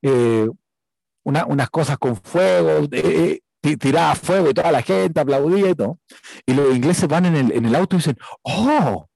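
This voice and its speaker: A man's voice: on the high side, moderate pace, creaky, darkish tone, husky, no echo, low-quality recording. A man with a Chilean accent preaching a conversational sermon and telling a personal story. He keeps checking in with his listeners by asking "right?".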